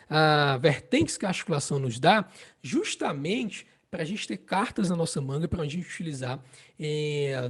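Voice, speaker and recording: A fairly high male voice with a breathy edge guides the listener through a casual harmonica lesson, spoken with a Brazilian Portuguese accent. Slow and patient, he repeats phrases and regularly checks in using "né?" and "entende?".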